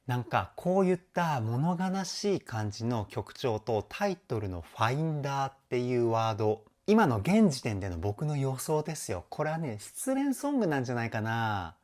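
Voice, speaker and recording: A man's voice: mid-range voice, big pitch swings, normal speed, hardly any pauses, darkish tone. A man who works as a vocal coach hosts a reaction video, explaining singing technique step by step with eager admiration. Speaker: vocal coach and YouTube host. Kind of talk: voice analysis reaction commentary.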